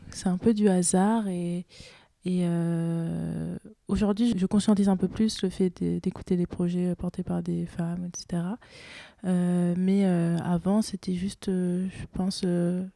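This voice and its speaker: A woman's voice: fairly low pitch, creaky, warm tone, no echo. A young woman, a singer and guitarist, chatting in an interview, hesitant with many fillers and restarts. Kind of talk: casual interview chat.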